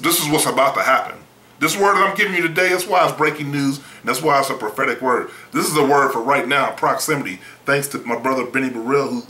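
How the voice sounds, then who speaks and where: A man's voice: mid-range voice, bright, forceful tone, roomy sound, poor audio. A man preaching a sermon in a blunt, emphatic, folksy way, often repeating words.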